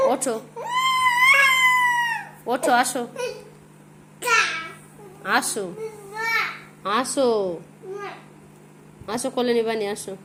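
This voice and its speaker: A woman, a parent coaxing and pleading with a crying child, repeating gentle calls. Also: fairly high pitch, background noise. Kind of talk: casual home video.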